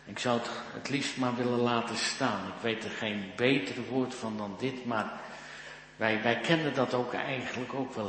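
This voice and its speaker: A pastor preaching a sermon in a church, earnest and slow, with emphatic rises in his voice. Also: medium pitch, a bit bright, slight background noise. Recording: echoey church hall.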